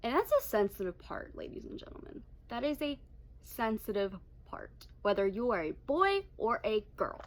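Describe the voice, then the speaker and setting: A young adult woman telling a story-time vlog, blunt and animated with heavy swearing. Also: on the high side, normal speed. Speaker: vlogger.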